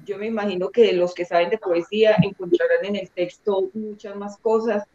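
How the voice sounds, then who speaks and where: Female poet, soft-spoken and thankful, muffled low-fi line. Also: moderate pace. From Colombia. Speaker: poet and author. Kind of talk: book launch remarks.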